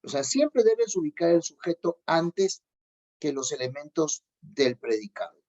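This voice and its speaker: Teacher lecturing on grammar, middle-pitched, insistent repetition, muffled lo-fi audio. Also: sing-song, measured pace, darkish tone. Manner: repeats key points for emphasis; checks in with students. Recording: dull lo-fi recording.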